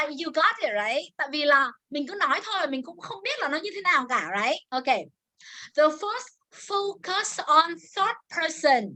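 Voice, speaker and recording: High bright teacher woman. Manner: mixes Vietnamese and English, drills words slowly. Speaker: English teacher. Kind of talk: online grammar class.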